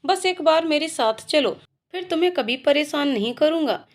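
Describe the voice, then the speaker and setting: A woman's voice: high-pitched, lively intonation, moderate pace. A woman voicing a playful, loving young male professor in a told story, teasing and coaxing. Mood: pleading. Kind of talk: storytelling voices.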